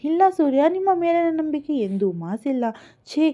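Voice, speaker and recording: A woman's voice: high voice, very animated, normal speed, dark tone, voice pushed up. A woman voicing a remorseful young wife who pleads for forgiveness through sobbing apologies. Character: remorseful young wife, tearful and self-blaming. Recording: tinny phone-like sound.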